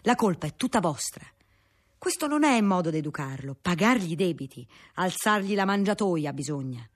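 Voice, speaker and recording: A woman's voice: lowish voice, very animated, normal speed. Woman reading a blunt scolding monk. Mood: gruff. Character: gruff grasping middle-aged monk.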